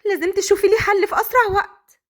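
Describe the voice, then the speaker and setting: A woman's voice: very high-pitched, steady tone, quick pace, a bit bright, voice pushed up. A woman voicing a panicked young wife, pleading and frantic.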